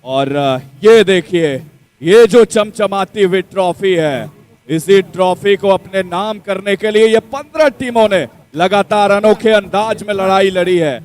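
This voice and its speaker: A man's voice: sits high, unhurried, darkish tone, smooth. An Indian-accented man giving live cricket commentary in a dramatic way with poetic flourishes.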